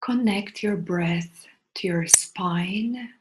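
A woman's soft, soothing voice leads listeners through a meditation, breathy and frequently dipping toward a whisper, with lengthy pauses after each short phrase. She speaks at a medium pitch over a noisy background.

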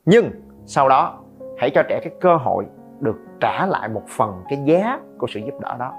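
A middle-aged man hosts a podcast about parenting and makes lively, joking asides to listeners. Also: medium pitch, a little fast. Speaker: podcast host. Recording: slightly dull, faint guitar music.

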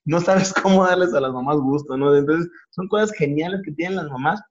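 A man in his forties with a Mexican accent, hosting a comedic casual chat with rapid, slangy, joking delivery. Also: a little high. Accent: Mexican Spanish. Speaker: host. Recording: dull lo-fi audio.

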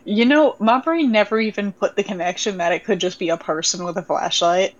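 A woman's voice: medium pitch, fairly quick. Blunt Southern-accented woman, lo-fi audio. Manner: blunt, emphatic, swears freely. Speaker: podcast co-host. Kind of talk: casual chat. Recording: dull lo-fi mic audio.

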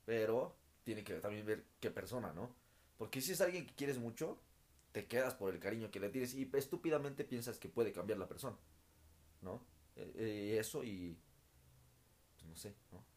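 A man with a Mexican accent, co-hosting a casual podcast in a relaxed way and asking his partner questions. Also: on the low side, normal speed. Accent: Mexican Spanish. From State of Mexico. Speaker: podcast co-host.

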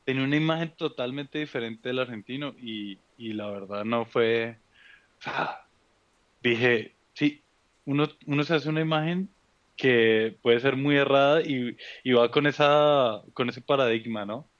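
A man from Colombia with a Bogotá accent, a guest casually telling travel stories in a relaxed way with many fillers. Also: medium pitch, a little slow, no room sound, lo-fi sound. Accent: Bogotá Colombian (rolo). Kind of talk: casual interview conversation.

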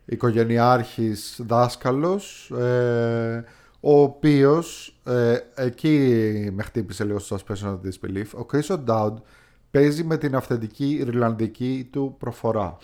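A man's voice: medium pitch, darkish tone. A man co-hosting a podcast in casual chat, telling stories in a rambling way with many fillers. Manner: rambling, filler-heavy storytelling. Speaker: podcast co-host.

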